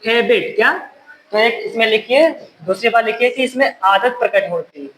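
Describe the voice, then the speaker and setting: Male classroom teacher who keeps firing questions at his students and scolds them gently, a bit of faint noise in the room. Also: very high-pitched, moderate pace, low-quality recording. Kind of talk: classroom grammar lesson.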